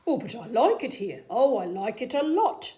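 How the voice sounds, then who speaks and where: A woman voicing a playful, boastful male trickster cat in a children's storybook, with showy emphasis and drawn-out words. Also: a little high, big pitch swings, warm tone. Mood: stubborn, playful. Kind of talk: animated children's storybook reading.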